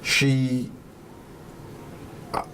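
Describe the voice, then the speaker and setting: A man's voice: mid-range voice, wildly swooping pitch, gravelly, sharp tone. Earnest man, faint room noise. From Bahamas. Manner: earnest, motivational, pauses to find words. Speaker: interview guest, music producer. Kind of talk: reflective interview talk.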